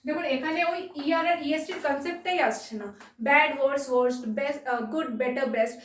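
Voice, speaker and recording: A woman teaching a grammar lesson, patiently repeating points and checking in with quick questions. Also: high voice, recorded from a distance, a little hiss or hum. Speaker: exam-prep English teacher. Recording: echoey room, voice set back from the mic.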